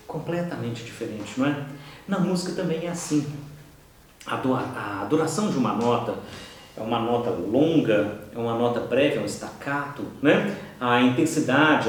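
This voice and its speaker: A Brazilian man with a Brazilian Portuguese accent teaching an online course, who keeps checking in with quick "ok?" and "tá?" asides. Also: medium pitch, far from the mic, a little hiss or hum. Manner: explanatory, frequent "tá?" and "ok?" checks. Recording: echoey room, voice from off-mic.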